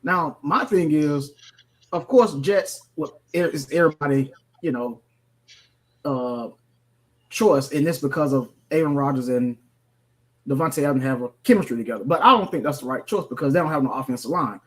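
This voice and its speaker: A man's voice: a little high, normal speed. A man co-hosting a casual sports radio show, rambling with many fillers. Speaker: co-host.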